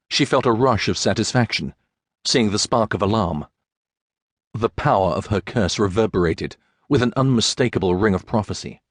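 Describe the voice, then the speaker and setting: Man, audiobook narrator, low husky voice, measured dramatic reading, dry studio sound. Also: dry recording. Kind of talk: scripted narration.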